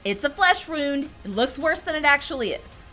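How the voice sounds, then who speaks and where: A woman's voice: high voice, lively intonation, moderate pace, pushed and bright, faint music behind. A woman playing a tough, commanding, foul-mouthed survivor leader, blunt and sardonic, in an audio drama. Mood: urgent, pained.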